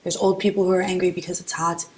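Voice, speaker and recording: A woman from Florida with a lowish, flat voice, talking bluntly and sardonically to an interviewer. Faint ambience sits behind her. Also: fast talker, a little hiss or hum. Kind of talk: interview answer.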